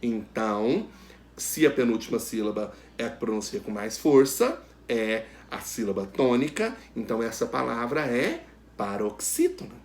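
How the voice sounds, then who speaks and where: A man teaching a grammar lesson, asking questions and answering them himself, stretching out each example word slowly and loudly. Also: medium pitch, sing-song. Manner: addresses students directly, asks and answers questions.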